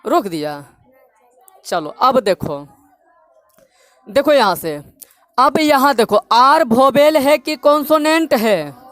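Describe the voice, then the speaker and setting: A woman's voice: high voice, animated, slow, long pauses, no echo. A woman with a Bihari Hindi accent teaching English phonics, drilling students with repeated call-and-response questions. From Bihar, India. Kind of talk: classroom-style lesson.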